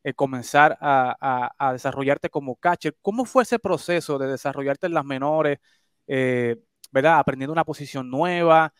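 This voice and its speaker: A man hosts an interview, asking long, chatty questions peppered with repeated "¿verdad?" tags. His mid-range voice moves at normal speed with a clean tone, recorded in a clean studio with no echo.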